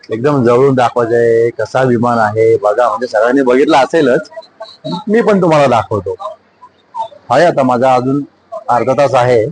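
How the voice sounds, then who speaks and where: A man's voice: mid-range voice, background noise. A man chatting casually to viewers as he vlogs from a busy airport terminal on his phone. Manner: chatty, addresses viewers as brothers and friends. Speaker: vlogger. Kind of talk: casual vlog to camera.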